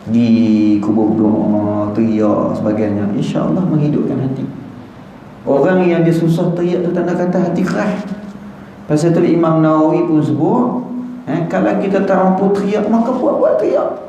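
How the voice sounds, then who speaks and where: A man's voice: on the high side, moderate pace, a little hiss or hum. A man giving a dawn lecture in a village prayer hall, teasing and mimicking people as he preaches. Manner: lively, teasing, mimics people, leads chanted recitation. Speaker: Islamic preacher. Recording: very echoey, muffled hall recording.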